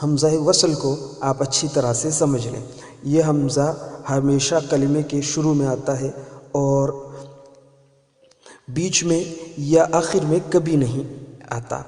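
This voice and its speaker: A man's voice: on the high side, steady tone, pauses often, a little mellow. Man teaching grammar in an echoey room. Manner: patient, repeats key points for emphasis. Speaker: Arabic teacher. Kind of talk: spoken grammar lesson. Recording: echoey room with long reverb.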